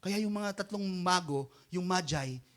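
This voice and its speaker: A man's voice: sits high, a little slow, fairly bright tone. A middle-aged Filipino man preaching a sermon in a conversational way, often calling out for an amen from the congregation. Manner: conversational preaching, mixing Tagalog and English, asking the congregation for amens. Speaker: pastor.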